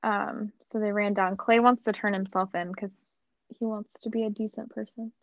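A woman's voice: medium pitch, flat delivery, moderate pace, no echo, highs cut off. A woman co-hosting a casual rewatch podcast, giving brief replies and recapping scenes. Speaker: podcast co-host.

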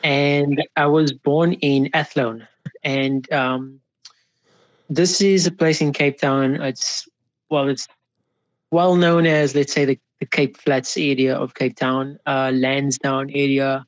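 Man, twenties, South African accent, relaxed, filler-heavy, dry sound. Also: mid-range voice, takes it slowly, no room sound, highs cut off. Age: 20s. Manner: relaxed, laughs easily, many fillers. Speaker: guest, pro skateboarder. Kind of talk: casual interview chat.

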